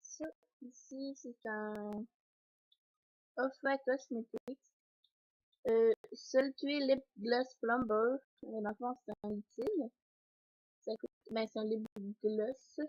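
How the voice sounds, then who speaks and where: A young woman with a Québécois accent talks casually through her beauty products, hesitant and full of fillers, often clearing her throat. Her voice sits a little high and husky. The recording is dull and lo-fi, like a home camera. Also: steady tone, slow pace, long pauses, darkish tone. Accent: Québécois French. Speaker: beauty vlogger. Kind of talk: casual unboxing vlog. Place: home, indoors by a sunny window.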